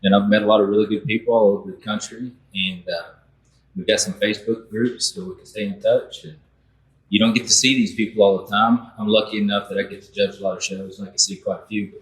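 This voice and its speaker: A man, a taxidermy instructor talking in an easygoing way with many pauses at an indoor roundtable. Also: lowish voice, little pitch movement. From Oklahoma. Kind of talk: relaxed roundtable talk. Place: group class in Texas, indoors. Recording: echoey room.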